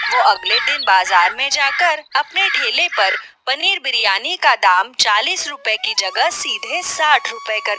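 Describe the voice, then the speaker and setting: A woman with a voice on the high side narrates a scripted children's story in an expressive storytelling manner.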